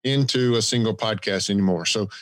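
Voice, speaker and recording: A man's voice: fairly low pitch, a little fast, a bit bright, no echo. Southern man with a thick Georgia accent. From Georgia, United States. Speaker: podcast co-host. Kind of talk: casual conversational podcast talk.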